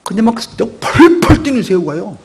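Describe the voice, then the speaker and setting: A middle-aged man preaching a sermon as pastor, talking conversationally and acting out quotes with sudden loud outbursts. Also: sits high, big pitch swings, moderate pace. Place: church sanctuary.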